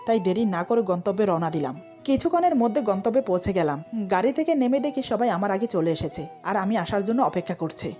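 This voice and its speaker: A woman with a Bengali accent narrates a romantic story, reading every character's lines in her own voice and dropping slightly lower for the men. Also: a little mellow. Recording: slightly dull recording with faint music.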